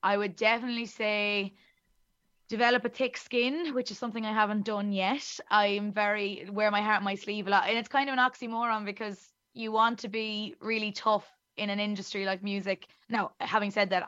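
A chatty Irish woman talks as a guest on a radio show, self-deprecating and quick to laugh at herself. Her voice sits at a middle pitch. The sound is dry and a little dull. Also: fairly bright tone, clear, resonant tone, dry recording. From Ireland. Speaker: musician guest. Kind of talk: casual interview chat.

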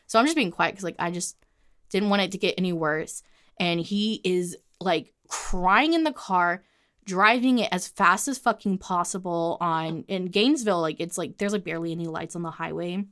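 A woman co-hosting a podcast, telling a story in a casual, animated way, full of swearing and "like" fillers. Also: lowish voice, normal speed. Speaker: podcast co-host.

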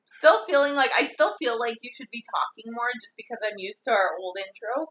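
A woman co-hosting a podcast in casual chat, excitable and rambling, often saying "like". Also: fairly high pitch, a little fast. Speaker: podcast co-host. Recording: roomy echo.

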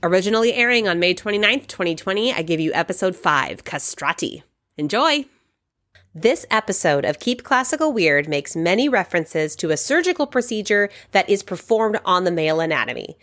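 A woman's voice: fairly low pitch, expressive, a little fast, few pauses, fairly bright tone. A woman hosting a podcast, reading scripted narration in an upbeat, welcoming show-host manner.

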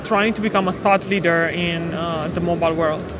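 A woman's voice: fairly low pitch, steady tone, normal speed. A woman in her thirties from Romania, a startup co-founder explaining her work in a matter-of-fact way as a podcast guest. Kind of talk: podcast interview. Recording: noisy street ambience behind.

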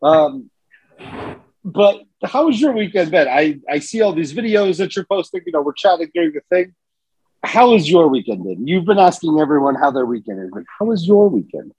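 A man's voice: a little high, big pitch swings, moderate pace, darkish tone, breathy edge, no room sound, poor audio. A man co-hosting a podcast, in a casual chat, playful and joking. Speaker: podcast co-host.

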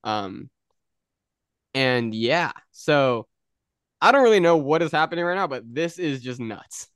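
A young man co-hosting a podcast in casual chat, telling stories in an animated way and laughing often. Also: mid-range voice, measured pace, clear, resonant tone, no room sound, clean studio sound. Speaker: podcast co-host.

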